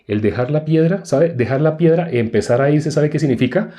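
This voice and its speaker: A man's voice: fairly high pitch, brisk, dark tone. A man preaching a conversational sermon. He explains step by step and often asks rhetorical questions.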